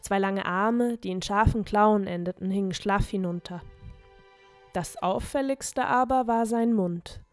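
A woman narrating a storybook in a calm, measured way. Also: medium pitch, soft background music.

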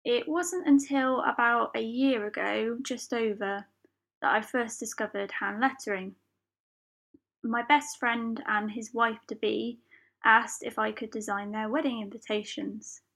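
Lady hosting a solo podcast, chatty, a bit high voice, ums here and there. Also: creaky, a bit bright. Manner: chatty, with fillers and laughs. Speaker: podcast host.

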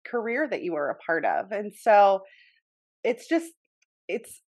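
Host: woman, upbeat, affirming, chatty, mid-pitched voice. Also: sing-song, unhurried, darkish tone. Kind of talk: casual interview chat.

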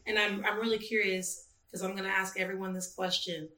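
A woman hosts a casual talk show interview, cheering her guest on with eager, affirming remarks. Her voice is bright and sharp. It echoes in a roomy space. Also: mid-range voice, level tone, brisk. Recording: roomy echo.

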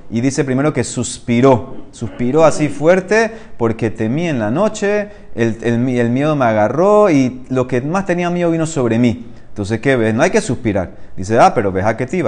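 A man leads a Talmud study class. He reads each Aramaic phrase slowly, then explains it in Spanish. He keeps asking his listener questions as he teaches. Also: medium pitch, darkish tone.

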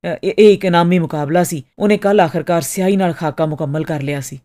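A woman voicing a polite young man who explains things haltingly, in an audiobook reading. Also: lowish voice, dark tone, close to an everyday voice. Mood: apologetic.

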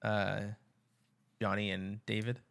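A man's voice: on the low side, creaky, clean tone. A man co-hosting a podcast, chatting casually with lots of fillers and restarts. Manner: relaxed, halting, filler-heavy. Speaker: podcast co-host.

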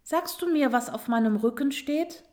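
A woman's voice: sits high, normal speed, a little mellow, pitched above the performer's own voice, natural voice. A woman voicing an impatient, vain female turtle with a golden shell, calling out insistently. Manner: insistent, indignant calls.

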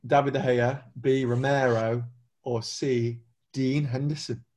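A man runs a casual quiz for his friends, with plenty of teasing and laughter. His voice sits in an ordinary middle range, and he fires off the questions quickly. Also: medium pitch, level tone, darkish tone. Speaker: quiz host. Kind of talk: casual chat among friends.

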